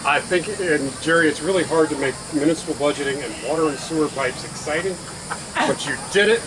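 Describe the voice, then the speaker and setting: A middle-aged man talks casually in a fairly high voice. He pauses and trails off, with clear hiss and ambient noise around him. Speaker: guest eating hot wings in a challenge. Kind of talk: casual chat. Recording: noisy outdoor setting with hiss.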